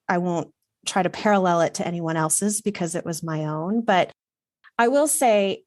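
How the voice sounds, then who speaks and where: Her voice sits on the low side with a darkish tone: an earnest, reflective middle-aged Texan woman, a wardrobe consultant guest telling stories conversationally with some fillers. Clean studio sound, no echo.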